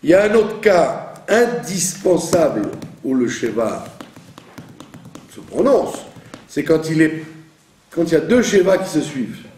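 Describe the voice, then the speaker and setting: A man's voice: a little high, very animated, a little slow, long pauses, a little mellow, slight background noise. A man teaching the reading of Hebrew prayer, patiently explaining and often checking that he has been understood. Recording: echoey room, from a distance.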